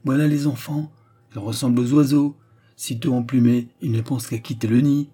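A man reading aloud and voicing a gruff older forester father, who reasons in a halting, rambling way. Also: medium pitch, fairly even intonation, dark tone, lightly acted. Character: gruff old forester father, awkward and pleading.

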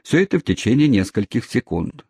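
A man narrating a novel as an audiobook, telling the story in an expressive, lively way. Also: mid-range voice, brisk, creaky, breathy edge, dry recording, studio quality.

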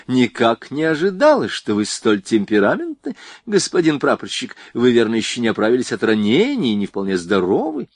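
A man's voice: medium pitch, very animated, unhurried, breathy edge, dry recording, full character voice. A man voicing an older general's wife who talks in a syrupy tone and gives orders. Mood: sugary. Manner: syrupy then commanding. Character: older woman, general's wife, sugary yet imperious.

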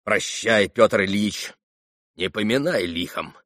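A man's voice: on the low side, fairly bright tone, dry recording. A man voicing a reckless, impulsive young nobleman who barks orders and exclamations, read in a dry studio. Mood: excited commanding. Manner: exclamatory, rushed commands.

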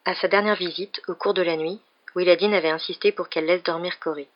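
A woman reading a novel aloud for an evening reading show, in a steady storytelling manner. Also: on the low side, fast, dull audio. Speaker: reader.

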